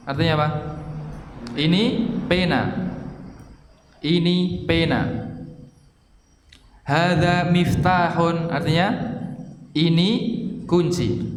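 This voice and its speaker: Male teacher in an echoey hall. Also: on the high side. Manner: chanting phrases for the class to repeat; explains slowly, asks and answers his own questions. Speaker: Arabic teacher. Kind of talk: classroom lesson for a congregation. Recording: echoey hall, faint ambient noise.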